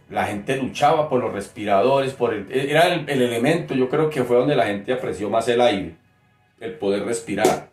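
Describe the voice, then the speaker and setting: A man preaching a sermon, teaching slowly and emphatically and putting direct questions to his listeners. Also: mid-range voice, darkish tone, echoey room.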